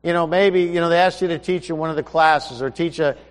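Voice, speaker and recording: Preaching at a slightly fast clip with a steady tone, a man with a high voice talks to his congregation neighbor-to-neighbor, posing question after rhetorical question. The hall around him gives a long reverb.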